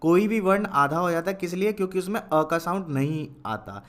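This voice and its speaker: A young man teaching Hindi spelling, dictating each word slowly, repeating it and quizzing the listener. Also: high-pitched, lively intonation, a bit bright. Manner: dictates words slowly, repeats each, asks "kya hai?". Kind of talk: slow dictation lesson.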